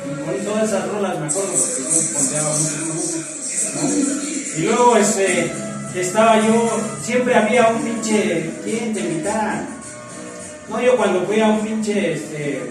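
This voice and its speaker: A middle-aged man with a Mexican accent telling his own story at a recovery meeting in rough, slangy talk, acting out the friends he quotes. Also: high voice, a little slow, far from the mic. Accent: Mexican Spanish. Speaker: AA group member sharing testimony. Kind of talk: personal testimony at a recovery meeting. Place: meeting room. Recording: very echoey room, speaker off-mic, faint music.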